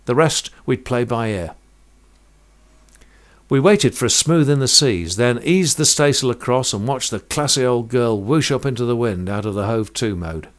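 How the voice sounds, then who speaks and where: A man's voice: mid-range voice, lively intonation. Man telling a vivid sea tale. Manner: vivid, measured storytelling with sailing jargon. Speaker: narrator. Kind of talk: first-person sea-story narration.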